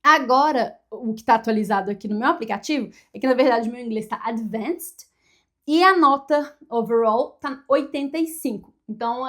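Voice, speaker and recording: A woman with a Brazilian Portuguese accent, chatting casually to the camera at her desk and thinking aloud, often tagging her sentences with quick questions to the viewer. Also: on the high side. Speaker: vlogger.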